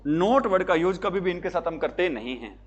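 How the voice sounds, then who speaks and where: A man's voice: high voice, expressive, fairly quick, lo-fi sound. A male teacher giving a classroom lecture, asking questions and answering them himself. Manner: asks questions and answers them himself, repeats key words.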